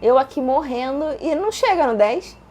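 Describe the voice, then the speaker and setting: A young Brazilian woman casually telling a personal story, acting out her own shouted lines with laughter. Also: high-pitched, normal speed, a little hiss or hum. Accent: Brazilian Portuguese. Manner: animated, acts out quoted shouts with laughter.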